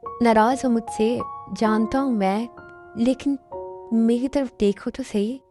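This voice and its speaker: A woman's voice: on the high side, fairly even intonation, takes it slowly, music in the background. A woman voicing a remorseful young husband who keeps pleading and apologizing in a fan-dubbed drama. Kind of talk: Hindi fan dub drama.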